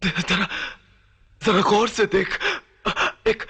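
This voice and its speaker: An actor playing a man urgently pleading with an outlaw in halting phrases, in a Hindi film melodrama. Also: high voice, steady tone, pushed and bright, slightly rough, full character voice. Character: man pleading with an outlaw to see his own child.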